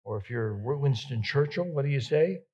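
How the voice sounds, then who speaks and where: A male pastor preaching a sermon, repeating words for emphasis and swinging between loud emphatic peaks and soft, hushed passages. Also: mid-range voice, lively intonation, normal speed, husky, lo-fi sound.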